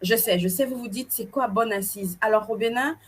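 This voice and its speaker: A woman from Cameroon co-hosting a live event, telling stories to the audience in a playful, animated way. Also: on the high side, a little fast, slightly rough. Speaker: event co-host. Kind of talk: casual presenting to an audience.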